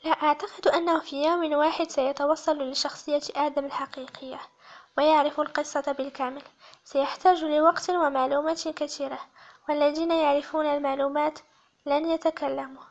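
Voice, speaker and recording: A woman's voice: high-pitched, fairly even intonation. A woman voicing a polite, doubtful male officer. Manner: polite, quick. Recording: slightly muffled lo-fi audio.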